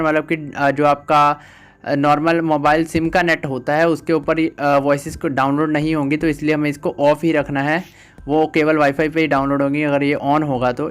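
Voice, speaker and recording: A man giving a patient, step-by-step tutorial on phone settings, pausing with "ah" as he explains each option. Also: a little high, clean tone. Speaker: tech tutor.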